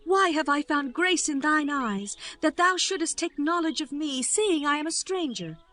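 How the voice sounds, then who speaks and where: A humble young widow from a Bible drama, voiced by a woman narrator. Her voice is high, meek and grateful, with formal archaic phrasing. Soft music plays underneath. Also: animated, normal speed, dry recording. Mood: humble wonder. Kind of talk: dramatized scripture audiobook acting.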